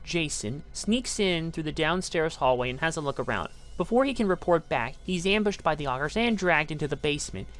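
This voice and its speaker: A woman narrating a scripted game review, with dry, sarcastic asides. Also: low-pitched. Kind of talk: scripted video-essay narration.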